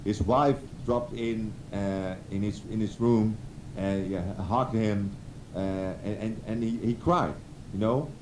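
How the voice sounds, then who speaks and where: A man's voice: on the low side, steady tone, takes it slowly, darkish tone, reverberant, a little hiss or hum. A man from the Netherlands with a Dutch accent, a guest telling his story in casual chat, hesitant and full of restarts. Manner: hesitant, many restarts and fillers.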